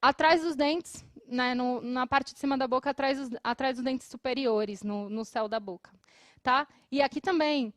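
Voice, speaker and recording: Brazilian woman English teacher, high voice, patient classroom explainer, dry close sound. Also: no echo. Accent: Brazilian Portuguese. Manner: explanatory, repeats English phrases slowly for students; laughs often between phrases. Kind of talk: televised classroom lesson. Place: studio.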